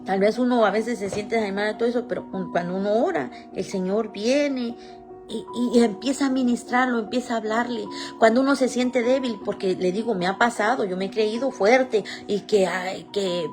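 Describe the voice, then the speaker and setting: A woman's voice: on the high side, normal speed, music in the background. A woman preaching an earnest sermon, telling her own testimony and reading scripture aloud.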